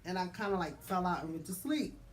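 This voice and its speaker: A mother telling her birth story in a casual, animated way, acting out voices. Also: on the low side, brisk. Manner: animated, laughing, acts out voices.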